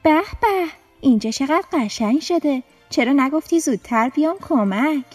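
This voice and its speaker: Storybook boy, high and light, eager then sheepish; woman narrator puts him on. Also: expressive, a little mellow, soft background music. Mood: cheerful. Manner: apologetic, sheepish. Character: cheerful eager young boy helper.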